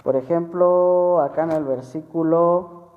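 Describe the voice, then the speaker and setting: A man's voice: fairly high pitch, fairly even intonation, measured pace. Male preacher, chatty sermon testimony, repetitive phrasing, thin lo-fi sound in a reverberant hall. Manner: conversational, repeats phrases, frequent tag questions. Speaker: church member preaching. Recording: tinny phone-like sound with long hall reverb.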